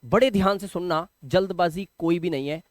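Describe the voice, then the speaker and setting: A man's voice: sits high, normal speed, no room sound. Patient male teacher, dry close sound. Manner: patient, repeats questions and answers them himself. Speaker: English teacher. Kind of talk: classroom-style pronunciation lesson.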